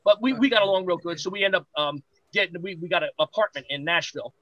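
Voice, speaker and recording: A man with a high, bright voice tells an animated anecdote as a podcast guest, jumping into other people's lines as he goes. His sound is dry and close, with no room around it. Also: quick pace, no room sound, rough recording. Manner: lively anecdote-teller, acts out quoted voices. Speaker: podcast guest, pro wrestler. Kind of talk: animated storytelling.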